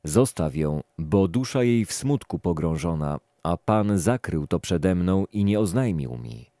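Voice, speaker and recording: A man's voice: deep voice, lively intonation, unhurried, mellow, no room sound, studio quality. A man reading as a stern old prophet. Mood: solemn.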